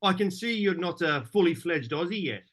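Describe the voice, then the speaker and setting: A man plays a young male student in an audio drama, earnest and a little hesitant, now and then taking things too literally. His voice runs high and bright. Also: animated, normal speed. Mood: chatty. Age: young adult.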